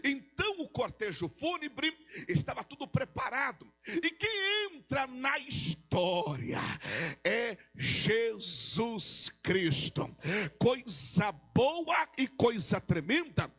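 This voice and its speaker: A Brazilian man preaching a Pentecostal sermon as pastor, with a repetitive cadence that rises into shouted, sing-song peaks. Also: very high-pitched, very animated, takes it slowly, husky, soft background music. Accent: Brazilian Portuguese. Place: church sanctuary.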